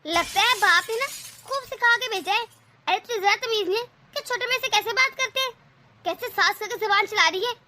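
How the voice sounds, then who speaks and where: A woman's voice: extremely high pitch, normal speed, sharp tone. A woman voicing a domineering, scheming middle-aged mother-in-law in a cartoon, scolding and sarcastic. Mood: mocking. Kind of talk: animated cartoon voice acting.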